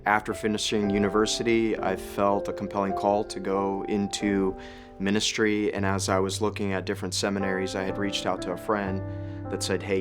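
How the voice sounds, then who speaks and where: A man in his thirties from Ukraine, a pastor telling his story in an earnest, reflective way. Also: low-pitched. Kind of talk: testimony interview. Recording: music bed under voice.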